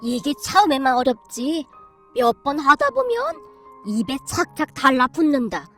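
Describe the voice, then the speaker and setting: A woman voicing a stern, bossy old grandmother who drawls commands in a rough tongue, read as a storybook. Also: high voice, sing-song, normal speed, fairly bright tone, faint music behind, heavily acted. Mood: stern coaching.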